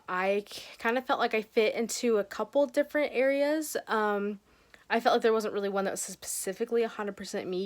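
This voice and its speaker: Young woman in her 20s from Idaho, college student introducing herself to a webcam at home, earnest, filler-heavy. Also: mid-range voice. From Idaho, United States. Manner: earnest, halting, many filler ums. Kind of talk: recorded class self-introduction. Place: room at home with pictures on the wall behind her.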